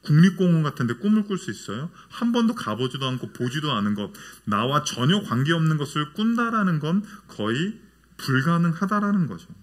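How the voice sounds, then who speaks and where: A male pastor preaching a lively sermon in a church, his fairly high voice leaping up and down as he speaks. He keeps turning to the congregation with questions and answers them himself. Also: brisk. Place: church sanctuary.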